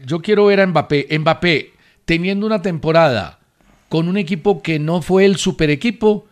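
A man's voice: on the high side, moderate pace. A man hosting a sports radio show, chatting casually and pressing his co-host with pointed questions. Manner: insistent, quizzing his co-host.

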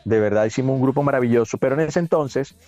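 A middle-aged Venezuelan actor with a softened, near-Colombian accent, telling stories in a casual interview, repeating himself often and restarting sentences. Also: male voice, mid-range voice, fast, no room sound, muffled recording. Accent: Venezuelan, neutralized toward Colombian. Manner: animated storytelling, many repeats and restarts, laughs often.

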